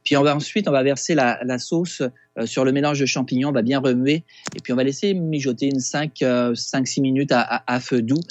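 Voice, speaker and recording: A man with a Québécois accent, a chef talking through a recipe on a casual radio segment, halting with many fillers and restarts over a phone line. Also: medium pitch, no echo. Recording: dull lo-fi phone sound.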